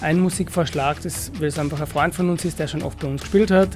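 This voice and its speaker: A man, a bar owner answering interview questions casually with many pauses and restarts. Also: fairly high pitch, steady tone, faint music behind. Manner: hesitant, many fillers and restarts.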